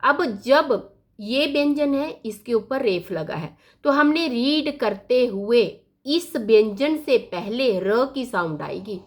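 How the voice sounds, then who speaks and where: Woman teacher going thru grammar real slow, kinda high voice, sounds out every letter. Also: expressive. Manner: patient, spells out sounds one by one. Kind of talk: slow blackboard lesson.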